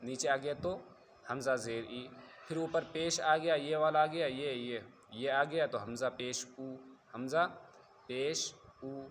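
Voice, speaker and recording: A man teaching an online Quran reading lesson. He draws out each syllable slowly and loudly, then moves back to quick, plain explanation. A faint hiss sits under the voice. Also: mid-range voice. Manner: drills letters slowly and loudly, repeats "theek hai?" to check understanding.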